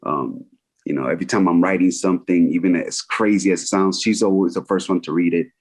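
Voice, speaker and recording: A man in his forties, a filmmaker talking as a guest in a casual interview, animated and repeating phrases for emphasis. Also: deep voice, a little fast, slightly rough. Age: 40s.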